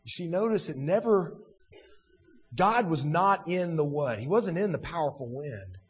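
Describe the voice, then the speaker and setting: Male preacher, husky and pitched a bit high; dramatic sermon, loud to hushed; dull, echoing sanctuary sound. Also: animated, measured pace. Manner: dramatic swings between loud and hushed delivery.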